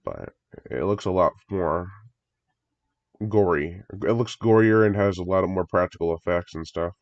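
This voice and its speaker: Deep-voiced and speaking at a normal speed, a man with cold congestion rambles eagerly through his reaction to a horror movie trailer, chuckling frequently. The audio has no echo and is a dry, dull lo-fi home recording.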